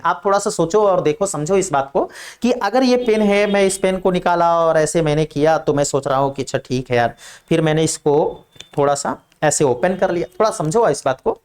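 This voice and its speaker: A man teacher giving an online classroom lecture, repeating and emphasizing key phrases. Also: a little high.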